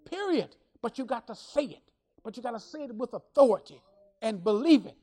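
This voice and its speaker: A woman's voice: on the high side, animated, brisk, mellow. Emphatic woman preacher. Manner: repetitive, emphatic preaching with call-and-response. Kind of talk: sermon.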